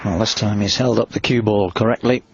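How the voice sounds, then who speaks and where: A man giving quiet, measured sports commentary as a snooker commentator. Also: on the low side, fairly even intonation, noisy background. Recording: dull lo-fi TV broadcast audio.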